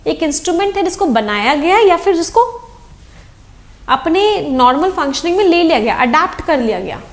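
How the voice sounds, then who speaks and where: A woman's voice: extremely high pitch, big pitch swings, normal speed, roomy sound. A woman with an Indian accent teaching an online exam-prep English lesson, switching between Hindi and English and quizzing her students. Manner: explains in Hindi mixed with English, asks the class questions.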